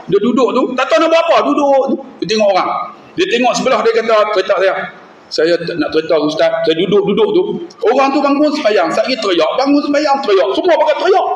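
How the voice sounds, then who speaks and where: A man preaches in a mosque, telling stories with lively acted voices. His voice sits high. The sound is roomy and echoey, with a faint hum behind it. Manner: animated storyteller who acts out voices. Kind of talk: mosque lecture with storytelling. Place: mosque hall.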